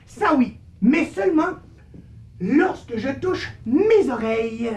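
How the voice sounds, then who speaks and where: Woman voicing a sly, high-pitched living shadow. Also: lively intonation, takes it slowly, darkish tone. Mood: teasing.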